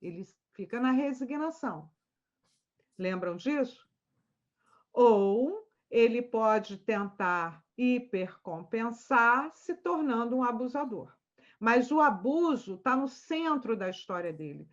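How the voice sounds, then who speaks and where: A woman with a Rio de Janeiro accent gives a casual online lesson on schema therapy. Her voice sits a little high, and she tells stories with lively rhetorical questions. The sound is somewhat dull and lo-fi. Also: slow. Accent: Rio de Janeiro Portuguese.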